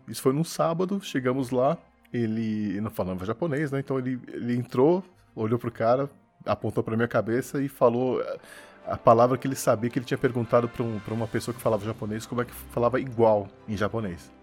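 A man co-hosting a casual podcast, telling a funny story in a lively way and laughing often. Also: mid-range voice. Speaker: podcast co-host.

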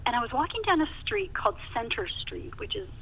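Telling stories in an interview, this novelist and podcast guest speaks emphatically, repeating words to drive points home. Her high, slightly bright voice swings widely in pitch as she talks fast, all through a muffled phone connection with hiss.

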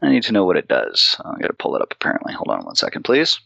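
Rambling, cursing man with a low voice. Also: wildly swooping pitch, racing, vocal fry, a bit bright, dry recording, muffled recording. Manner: rambling, swears casually, thinks aloud with restarts. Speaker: player. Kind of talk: casual tabletop game play.

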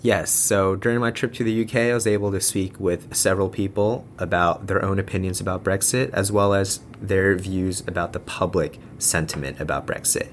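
A man's voice: low voice, steady tone, normal speed, hardly any pauses, slight background noise. A man hosting a podcast, reading scripted lines and interviewing people with some hesitant fillers. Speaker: podcast host.

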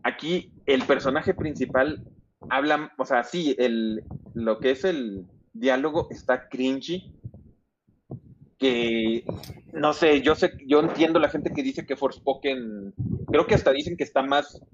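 A man's voice: mid-range voice, takes it slowly, a little hiss or hum. Mexican guy chatting games, slangy, swears a lot, bit muffled audio. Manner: slangy, rambling, swears freely. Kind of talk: casual chat.

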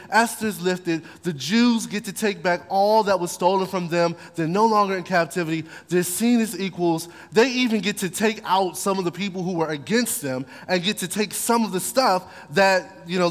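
High-voiced pastor, animated storyteller. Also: male voice. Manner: animated storytelling, acts out characters. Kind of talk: sermon. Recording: long hall reverb.

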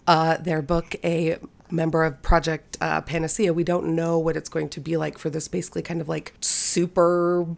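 A woman with a scratchy, fry-laden voice, recovering from a cold, co-hosting a casual book podcast in a loose, conversational way. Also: low voice, level tone, normal speed, darkish tone. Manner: hesitant, conversational, with frequent "like" and "kind of". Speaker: podcast co-host.

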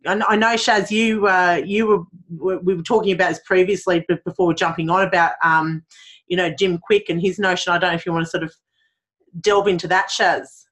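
A man's voice: high-pitched, steady tone, a little fast, fairly bright tone. A man co-hosting a podcast, talking hesitantly with many restarts. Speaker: podcast co-host. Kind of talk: casual podcast chat.

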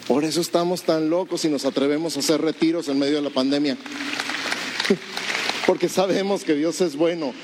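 A man preaches, telling a story with animated delivery and frequent rhetorical questions. His voice sits a little high for a man. A faint hum runs behind him in the church. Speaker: pastor. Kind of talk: storytelling sermon.

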